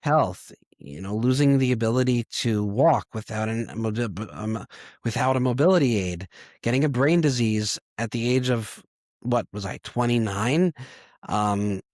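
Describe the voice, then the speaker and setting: A man, hoarse and congested from a cold, talking candidly and self-deprecatingly as a podcast host. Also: mid-range voice, normal speed, a little mellow, no echo, studio quality. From Long Island, New York. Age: 30s. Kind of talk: personal confessional monologue.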